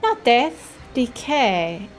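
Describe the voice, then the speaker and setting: A woman's voice: a little high, huge pitch swings, very slow, soft background music, voice pushed up, exaggerated voice. Woman putting on a blunt, clipped mushroom creature. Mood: matter-of-fact. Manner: clipped broken-grammar speech. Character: blunt mushroom creature taking bets at fighting pit.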